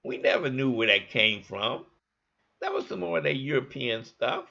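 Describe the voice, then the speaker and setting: A man's voice: mid-range voice, expressive, moderate pace, creaky, pushed and bright. A man giving a folksy, conversational history lecture, walking listeners through maps. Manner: folksy, conversational, asks listeners to think along. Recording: dull lo-fi recording.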